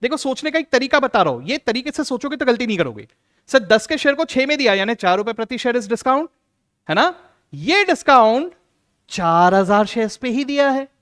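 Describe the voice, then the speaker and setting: A man teaching an accounts lesson, acting out teacher and student and slowing down to stress key rules. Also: extremely high pitch. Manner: lively, plays both teacher and student in little dialogues. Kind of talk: classroom lecture.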